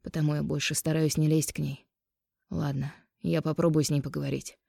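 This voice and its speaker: A woman reading an audiobook, voicing a remorseful middle-aged ex-husband who speaks low, quiet and slow. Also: little pitch movement, gravelly, no echo, clean studio sound, exaggerated voice. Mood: weary, thoughtful.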